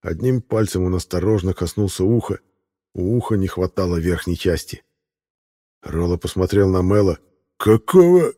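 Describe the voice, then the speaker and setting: A man narrating an audiobook in a measured, steady voice. His voice sits low and sounds dark and mellow. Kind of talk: scripted narration.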